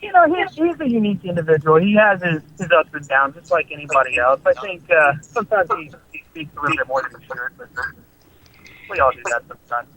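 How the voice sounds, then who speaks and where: A man's voice: a little high, sing-song, quick pace, pushed and bright, rough recording. A man calling in to a casual radio show over a cell phone, talking in a rambling, hesitant way with restarts. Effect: phoning in over a cell phone. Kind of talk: casual radio call-in chat.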